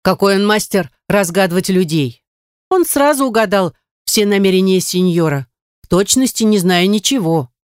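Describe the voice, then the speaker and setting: A woman's voice: mid-range voice, animated, moderate pace, clear, resonant tone, dry recording, studio quality, close to an everyday voice. A woman voicing a chatty, flustered young maid who pleads and rambles in a raised voice. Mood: gossipy. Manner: breathless, wheedling, rambling.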